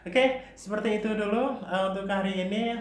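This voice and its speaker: A man's voice: sits high, moderate pace. Indonesian man teaching singing in a roomy space. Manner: patient, demonstrates vowels and sings lines. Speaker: vocal coach. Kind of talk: singing lesson. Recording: roomy with faint hiss.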